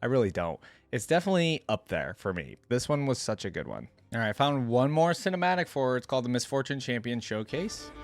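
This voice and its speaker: A man hosting a video delivers casual, slangy, enthusiastic reaction commentary. His mid-range voice swings widely in pitch, moving quickly with hardly any pauses. Game theme music plays behind him.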